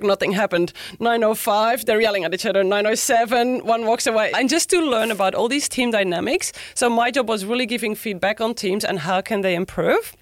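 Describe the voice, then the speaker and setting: A woman's voice: medium pitch, dry recording, clean studio sound. A woman in her thirties, originally from Belgium, speaking as an enthusiastic podcast guest who laughs often and tags her sentences with "right?". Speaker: podcast guest, business founder. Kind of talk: casual interview chat.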